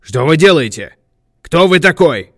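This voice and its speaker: A man voicing a hot-tempered army captain who talks loudly and aggressively. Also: mid-range voice, moderate pace, clean tone, dry recording, studio quality. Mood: angry shouting. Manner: loud, aggressive, accusing.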